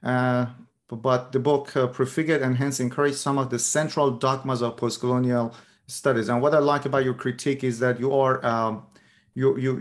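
A man interviewing a guest, asking long questions haltingly, with many pauses and restarts. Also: mid-range voice. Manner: hesitant, many fillers and restarts.

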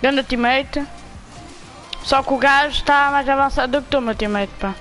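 Brief: young woman, European Portuguese accent, high voice, profane trash-talking gameplay commentary, faint music behind. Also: normal speed, poor audio. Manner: taunting, swears a lot, excitable outbursts. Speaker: gamer streaming own play.

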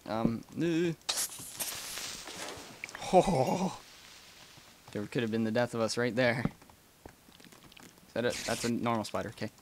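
A gaming channel host, a young man, talks his way through a let's play in a chatty, rambling manner, peppered with ums, gasps and little laughs. He speaks slowly at a medium pitch, leaving long pauses. Slight background noise can be heard.

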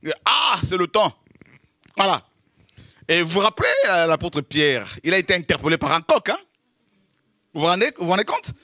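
A man from the French Caribbean preaching an informal sermon, humorous and lively, laughing often and acting out little scenes as he teaches. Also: on the high side, brisk, pauses often, dry recording, clean studio sound.

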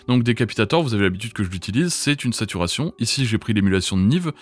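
A man teaching vocal mixing in a software tutorial, explaining each setting and checking in with the viewer. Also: fairly low pitch, expressive, fast. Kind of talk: screen-recorded software tutorial.

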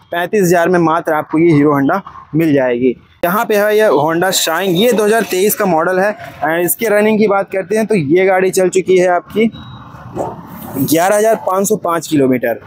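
Chatty high-voiced young man touring cars. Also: moderate pace, slight background noise. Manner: chatty, keeps calling the viewer brother, mixes English words into Hindi. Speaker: vlogger touring a used car market. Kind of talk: casual walkaround commentary. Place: outdoor used car lot.

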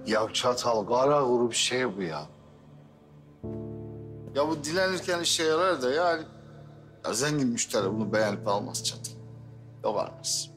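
An actor playing a street boss who dismisses an offer while bargaining with a hustler. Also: male voice, mid-range voice, animated, normal speed, long pauses, music in the background, natural voice. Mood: dismissive.

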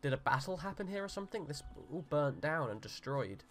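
Young man, gamer, excitable and jokey, let's play commentary, faint music behind. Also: fairly high pitch, brisk. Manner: excitable, jokey, yelps and pleads at the game.

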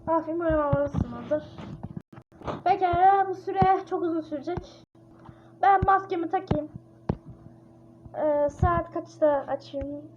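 A woman with a very high-pitched voice plays a horror game, chattering and exclaiming in a casual, panicky let's-play commentary. She speaks at a measured pace with frequent pauses. The dull lo-fi mic leaves a clear hiss.

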